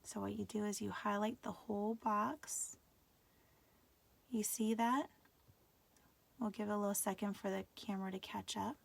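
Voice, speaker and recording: Gravelly-voiced woman teaching a craft class. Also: mid-range voice, steady tone, normal speed, long pauses. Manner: patient, checks in with viewers often. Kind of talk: live class tutorial.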